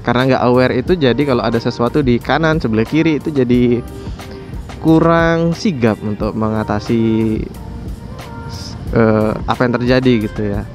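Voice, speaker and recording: This man's mid-range, darkish voice moves at a moderate pace with long pauses as he vlogs about motorcycles, chatting casually and often checking in with listeners. Soft music plays behind him.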